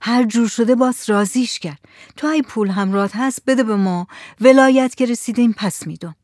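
A woman's voice: fairly high pitch, darkish tone, dry recording, voice pushed up, natural voice. Brief: worried husband, pleading and anxious, storybook dialogue, read by a woman, dry recording. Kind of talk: audiobook narration.

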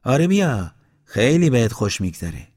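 A man's voice: mid-range voice, big pitch swings, a little mellow, husky. A man voicing a young village messenger who persuades with a raised voice in a storybook reading. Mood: persuasive. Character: village man sent to fetch a musician. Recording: long hall reverb.

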